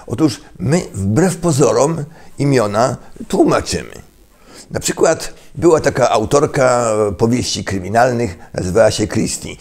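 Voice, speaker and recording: An older man giving a lecturing monologue, halting with fillers and restarts and tossing in rhetorical questions. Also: mid-range voice, expressive, darkish tone. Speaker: political commentator.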